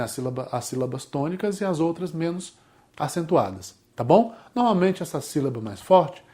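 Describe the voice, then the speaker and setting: A man's voice: fairly high pitch, a little mellow. A man with a Brazilian Portuguese accent teaching a music theory lesson, explaining step by step and often checking in with his students.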